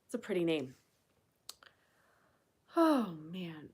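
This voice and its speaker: Host, female, low-pitched, blunt and foul-mouthed, casual live Q&A. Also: big pitch swings, slow, darkish tone, husky. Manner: blunt, profane, emphatic. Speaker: channel host.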